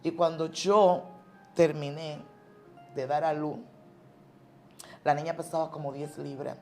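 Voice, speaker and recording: A woman's voice: deep voice, steady tone, measured pace, mellow, faint music behind. A woman pastor from the tells a personal religious testimony, an emotional storyteller who repeats and restarts words.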